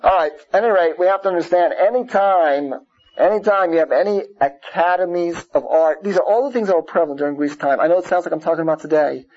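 A man's voice: a little high, quick pace, darkish tone. A man giving an emphatic religious lecture, repeating phrases, asking rhetorical questions and peppering his English with Yiddish and Hebrew terms. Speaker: religious teacher. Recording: dull lo-fi radio-like sound.

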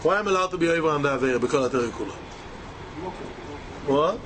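High-pitched male Torah teacher with Yiddish accent. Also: expressive, racing, background noise. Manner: emphatic, repeats key phrases. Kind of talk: Talmud lesson, rhetorical questions and answers.

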